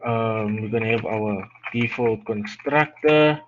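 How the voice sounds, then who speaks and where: A man's voice: on the low side, slow pace. A man tutoring a live coding lesson while unwell, yawning, thinking aloud as he types, stumbling and restarting. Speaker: programming tutor. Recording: dull lo-fi audio with steady noise.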